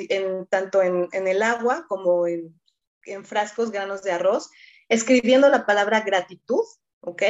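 Casual woman guest, mid-pitched, lo-fi call sound. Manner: warm explaining with many "¿no?" tags and acted-out dialogues. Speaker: guest healer. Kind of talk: casual podcast conversation.

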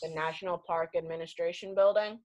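A woman acting as game master, narrating a tabletop game casually in a halting, improvised way. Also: lowish voice, steady tone, darkish tone.

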